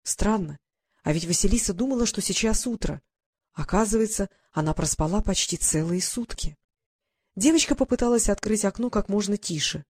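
A woman's voice: medium pitch, lively intonation, moderate pace, darkish tone, breathy edge. Woman narrating a story aloud. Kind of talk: audiobook narration.

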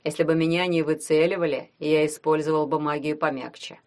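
A woman voicing a brooding young male necromancer, who speaks slowly and measuredly, as if through his teeth. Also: low voice, fairly even intonation, a little mellow, close to an everyday voice.

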